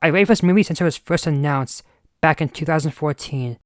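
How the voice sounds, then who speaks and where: A man's voice: fairly high pitch, a little fast, dry recording, clean studio sound. Exasperated man in his twenties ranting. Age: 20s. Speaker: movie reviewer. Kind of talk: scripted review commentary.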